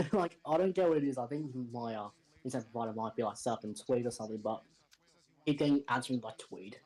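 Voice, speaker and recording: An Australian man in casual stream chat, talking fast and stumbling over his words. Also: medium pitch, darkish tone, breathy edge, low-quality recording.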